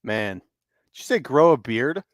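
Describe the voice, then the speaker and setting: A man co-hosting over an online call, excitable and prone to loud exclaimed asides. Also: medium pitch, unhurried, dry recording, studio quality. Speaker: podcast co-host. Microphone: remote call mic, cutting out.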